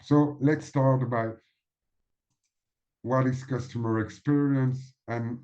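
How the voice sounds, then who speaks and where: A man in his thirties with a French accent, presenting a business webinar and pausing to search for words. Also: medium pitch, fairly even intonation, warm tone, lo-fi sound. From Belgium.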